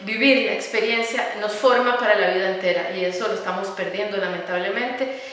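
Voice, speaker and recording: A middle-aged woman with a Costa Rican Spanish accent, speaking earnestly as an interview guest, often pausing on fillers and repeating words. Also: medium pitch. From Costa Rica. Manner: earnest, warm about children, many fillers and repeated words. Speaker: architect and educator, interview guest. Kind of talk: conversational interview. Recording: echoey room, recorded from some distance.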